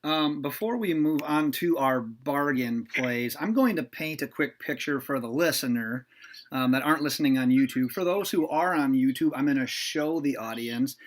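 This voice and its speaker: A man's voice: mid-range voice, moderate pace. A man hosting a sports podcast, talking casually with lots of ums and teasing his guests. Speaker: podcast host.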